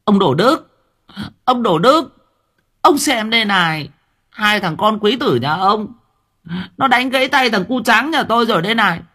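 A man's voice: high voice, expressive, measured pace, pauses often, bright, forceful tone, voice pushed up, heavily acted. A man voicing an angry village woman who shrilly accuses a neighbor in a storybook reading. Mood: furious. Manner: shrieking complaint.

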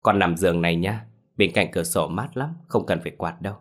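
A young village mother, voiced by a male storyteller in a spoken horror tale. She speaks soothingly to her child. The voice stays low in pitch. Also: a little fast. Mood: tender. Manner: soothing, affectionate.

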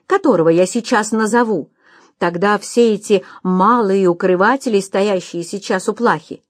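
A woman voicing a bold, defiant male hero in a storybook reading, speaking in loud, ringing proclamations. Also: on the high side, no room sound, clean studio sound, close to an everyday voice. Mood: declaiming.

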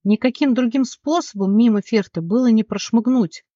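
A narrator reading a fantasy novel aloud, steady and dramatic, in a mid-pitched voice. The recording is close and dry, with a slightly dull, muffled top end. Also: moderate pace, no echo. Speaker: audiobook narrator.

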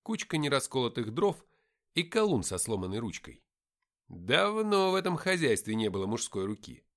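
A man narrates a first-person adventure audiobook at a middle pitch. His intonation climbs and dips a lot. He tells the story with a dry, wry humor. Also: big pitch swings, moderate pace.

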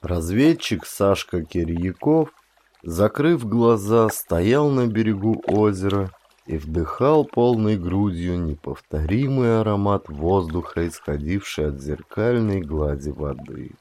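Low-voiced man narrating an audiobook. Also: animated, takes it slowly, warm tone. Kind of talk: scripted narration.

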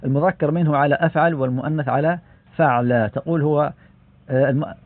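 A man teaching Arabic grammar from a classical book, explaining in a measured way with frequent "aah" fillers and self-corrections. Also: on the high side, steady tone, no echo. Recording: dry, tinny phone-like sound.

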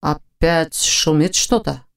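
A woman voicing a drowsy, grumbling young man in an audiobook. He speaks slowly and sleepily, with a gruff edge. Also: sits low, a little mellow. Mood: sleepy. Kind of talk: audiobook character voice.

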